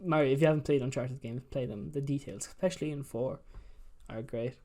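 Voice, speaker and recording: Mellow-voiced man rambling casually. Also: mid-range voice, fairly even intonation, fairly quick. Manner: rambling, sweary retelling full of "like". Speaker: podcast host. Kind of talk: casual gaming chat.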